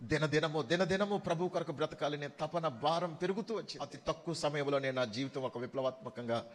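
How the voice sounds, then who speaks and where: A man preaching a sermon, telling a parable in a low, quiet voice, then rising to loud, slow, shouted exhortation. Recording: long hall reverb.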